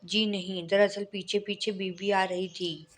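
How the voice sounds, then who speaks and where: A woman reading short jokes aloud in a steady, even storytelling manner. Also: mid-range voice, unhurried. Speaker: joke teller.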